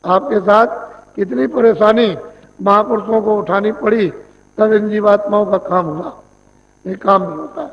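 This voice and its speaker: A man's voice: high voice, normal speed. A man giving a devotional sermon as a spiritual teacher, instructing in a plain, repetitive way. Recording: dull lo-fi 1990s tape recording.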